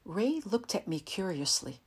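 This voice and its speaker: A woman reading an audiobook in a calm, measured way, sometimes dropping to a soft whisper. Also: mid-range voice, slightly rough. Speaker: narrator. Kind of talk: audiobook narration.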